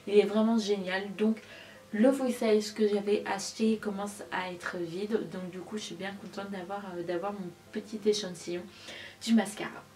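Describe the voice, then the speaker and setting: A woman's voice: medium pitch, steady tone, normal speed, a little mellow, a little hiss or hum. A young woman reviewing a makeup palette for her channel in a casual, enthusiastic way, often repeating words for emphasis. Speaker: beauty vlogger.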